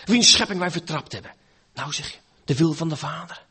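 A man preaching a sermon, dramatic, swinging between loud pleading and hushed, near-whispered lines. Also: a little high, brisk, breathy edge.

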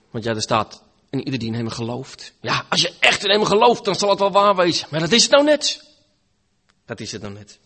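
A preaching man with a husky, fairly high voice that rises and falls widely. He moves between loud pleading and hushed, almost whispered lines. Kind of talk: sermon.

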